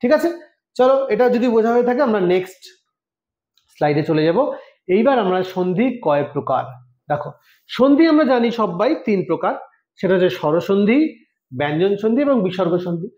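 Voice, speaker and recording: A man's voice: sits high, animated, a little fast, long pauses, a little mellow, lo-fi sound. A man teaching a Sanskrit exam-preparation lesson, explaining step by step and often checking that students follow. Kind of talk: online lesson. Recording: roomy echo.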